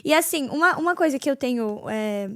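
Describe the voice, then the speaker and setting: A woman's voice: sits high, expressive, brisk, a bit bright, dry recording, clean studio sound. A woman host with a Brazilian Portuguese accent, interviewing with enthusiastic affirmations. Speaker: podcast host. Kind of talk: interview chat.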